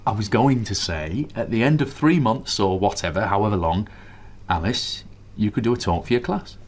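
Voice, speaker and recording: In a radio drama, a man with a fairly low, animated voice plays a middle-aged, greying family man. Dry and wry at first, even a bit grumbly, he grows enthused and brisk, rallying his wife and children around a plan.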